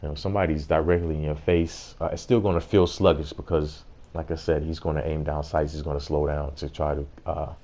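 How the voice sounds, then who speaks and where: A man's voice: extremely low pitch, flat delivery, a little fast, few pauses, warm tone. A man giving a casual gameplay tutorial as host, explaining things in an informal way.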